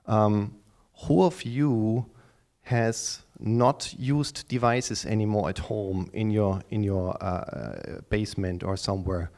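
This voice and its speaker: Halting middle-aged man pitching at a conference. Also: fairly even intonation, darkish tone. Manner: halting, repeats and restarts words often. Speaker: startup pitch speaker. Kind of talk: live conference pitch to an audience.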